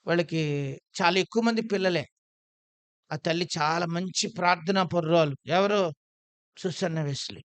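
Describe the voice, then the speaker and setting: A preacher delivering a sermon, asking the congregation questions and answering them himself, swinging between loud outbursts and soft asides. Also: medium pitch, clean tone, no echo.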